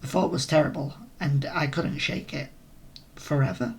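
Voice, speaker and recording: Hoarse, gravelly man narrating an adventure. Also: fairly high pitch, steady tone, normal speed. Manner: narrates in first person, breaks off for casual asides. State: hoarse, losing his voice. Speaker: solo role-play narrator. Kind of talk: first-person narration of a role-play adventure.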